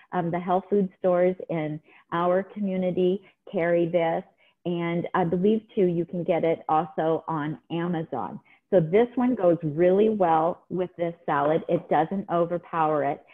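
Middle-aged woman, chatty cooking demo, low voice, tinny call line. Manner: chatty, enthusiastic. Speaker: cooking demonstrator. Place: home kitchen. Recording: tinny phone-like video call audio.

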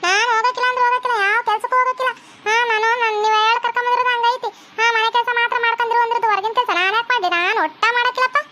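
Woman playing a whiny cartoon daughter-in-law, North Karnataka accent, very high and childlike, quick, noise behind. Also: steady tone, pushed and bright. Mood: stubborn. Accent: North Karnataka Kannada. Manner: whiny, stubborn, coaxing. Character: stubborn sweet-talking young daughter-in-law. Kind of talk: cartoon comedy voice acting.

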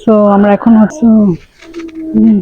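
The recording is muffled with a noisy background as a young woman from Bangladesh, a vlogger and mother, gives chatty vlog narration at a measured pace. Her mid-range voice is flat, and she mixes English into her speech while filming handheld outdoors in winter and inside a library.

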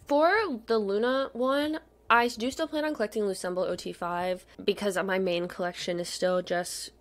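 Browsing her screen on camera, a young woman who collects K-pop photocards chats in a gushing, slangy way, now and then sinking to a murmur. Her mid-range voice has vocal fry, and the commentary is casual and rambling.

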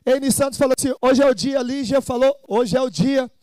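High-voiced, fired-up male seminar speaker. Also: fairly quick, no room sound. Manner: energetic, urges the crowd to repeat chants. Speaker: motivational speaker hosting a seminar. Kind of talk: live seminar pep talk.

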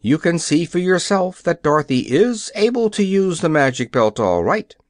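A man voicing a cheerful male scarecrow in a storybook, self-assured and a little higher than his own voice. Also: very animated, moderate pace, dry recording, studio quality. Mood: confident.

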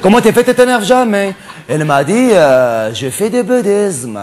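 Brief: man playing a camp cross-dressing cabaret dancer, high put-on voice, theatrical and touchy, live stage comedy, noisy room. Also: sing-song. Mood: camp chatty. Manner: camp, theatrical, quick to snap at hecklers. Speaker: stand-up comedian in character. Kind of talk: stand-up character monologue.

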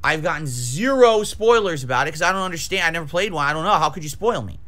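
A man in his forties rants at his livestream chat in a fairly high, bright and forceful voice. He is agitated and combative, swearing freely and repeating phrases to drive each point home. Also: expressive, fast talker. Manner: profane, emphatic, repeats phrases for emphasis. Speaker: variety game streamer. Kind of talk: livestream rant to chat viewers. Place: small decorated home streaming room, indoors. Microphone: close desk microphone with pop filter.

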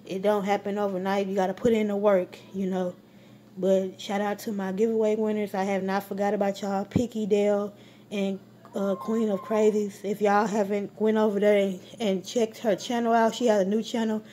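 At a moderate pace and in a level, mid-range voice, a woman rambles through a home grocery haul vlog recorded on a handheld phone. She fills it with ums and warm shout-outs.

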